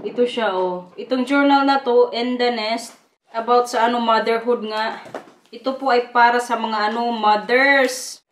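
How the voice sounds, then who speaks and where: A woman with a Waray accent vlogging in a casual, chatty way, her high voice carrying a roomy echo. She keeps turning to her viewers as she talks, a mother sharing her day. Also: measured pace, a little hiss or hum. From Eastern Visayas, Philippines. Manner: chatty, keeps addressing viewers as "guys", with frequent laughs.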